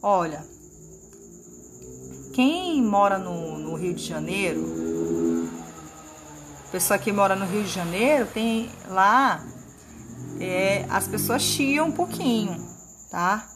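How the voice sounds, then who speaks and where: Slow, patient teacher from Maranhão. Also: female voice, medium pitch, big pitch swings, music in the background. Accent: Maranhão Brazilian Portuguese. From Maranhão, northeastern Brazil. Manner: patient, checks in often with "tá?". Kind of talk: classroom lesson to children.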